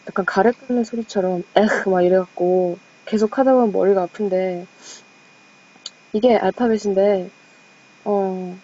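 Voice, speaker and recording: Mellow-voiced young woman presenting a study. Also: mid-range voice, dull audio. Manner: chatty and self-deprecating, reading French words slowly.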